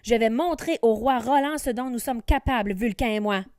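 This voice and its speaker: A woman's voice: fairly high pitch, normal speed, a little mellow, clean tone, no echo, studio quality, close to an everyday voice. A woman voicing a bold girl dragon rider. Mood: determined. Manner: determined, commanding.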